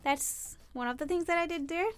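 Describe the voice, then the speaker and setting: A woman's voice: very high voice, fairly quick. A woman co-hosting a language lesson in a casual, chatty, conversational way. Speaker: Urdu lesson podcast host.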